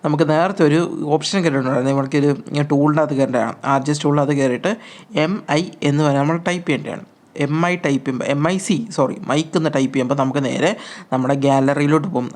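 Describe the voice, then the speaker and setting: A man's voice: a little high, very fast. A man hosting a gaming channel, giving chatty, repetitive step-by-step instructions as a voice-over on a mobile game tutorial.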